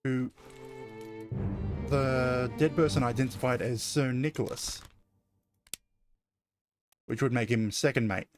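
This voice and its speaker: Man, streamer, mid-pitched voice, casual play commentary, hesitant self-corrections, faint game music behind. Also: steady tone, slow pace, long pauses.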